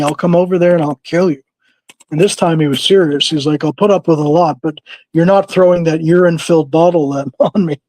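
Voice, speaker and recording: A man with a higher than usual voice tells a rambling story on a podcast, jumping into quick impressions of the people in it and laughing along the way. The recording is dry and close, with no room sound. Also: no echo, low-quality recording. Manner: animated storyteller who acts out quoted people, laughs often. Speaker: podcast co-host. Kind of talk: casual storytelling chat.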